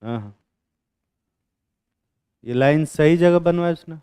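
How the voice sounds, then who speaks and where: A man's voice: a little high, slow, dark tone, no room sound, studio quality. Blunt, teasing male chemistry teacher. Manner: blunt, teasing, quizzes students with rough slang. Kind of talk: classroom lecture with questioning. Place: classroom with students.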